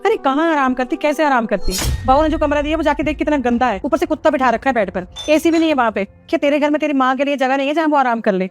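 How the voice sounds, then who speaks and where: A woman's voice: high voice, fast talker, hardly any pauses, faint music behind, close to an everyday voice. A woman playing a fussy, easily offended mother-in-law in a family drama, complaining and indignant. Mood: aggrieved. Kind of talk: Hindi family drama acting.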